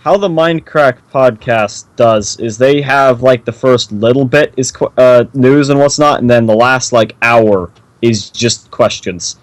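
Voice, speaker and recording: A man's voice: mid-range voice, measured pace, hardly any pauses. A man co-hosting a casual gaming podcast, talking in a laid-back, offhand way. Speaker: podcast co-host.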